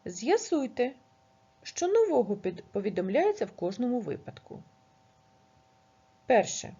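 A woman teacher reads a grammar lesson with a husky, darkish voice that rises and falls a lot. She goes slowly and clearly over each example sentence. The recording sounds dull and lo-fi. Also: a little high, big pitch swings, mellow. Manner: slow, measured dictation of example sentences. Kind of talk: reading a grammar lesson aloud.

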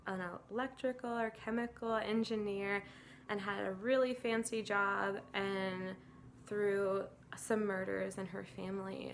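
A woman's voice: mid-range voice, gravelly, fairly bright tone, slight background noise. A woman in her thirties sharing an earnest, emotional church testimony to a close phone camera indoors, with many fillers and laughs. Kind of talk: casual spoken testimony to camera. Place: indoors against a plain grey wall.

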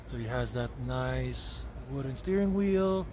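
A man's voice: mid-range voice, animated, unhurried, a little mellow, slight background noise. A man, walking through a car museum and talking casually to camera, rambling and correcting himself as he goes. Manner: chatty, rambling, self-correcting, hedges often. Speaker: vlogger touring a car museum. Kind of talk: casual walkthrough narration. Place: indoor car museum hall.

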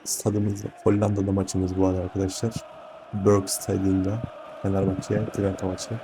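A man's voice: deep voice, completely flat delivery, moderate pace, warm tone, slight background noise. A man hosting live football commentary, often repeating players' names and short phrases. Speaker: football commentator and channel host. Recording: music and crowd behind the voice.

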